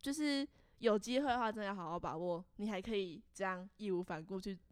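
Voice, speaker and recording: A young woman, co-hosting a casual podcast and reacting with quick, lively comments. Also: mid-range voice, clean tone, no echo, studio quality. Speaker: podcast co-host.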